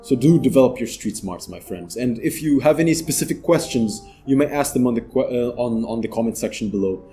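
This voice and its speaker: A man's voice: mid-range voice, expressive, a little fast, few pauses, mellow, soft background music. A man from the Philippines, hosting a motivational vlog and giving earnest, big-brotherly advice. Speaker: channel host.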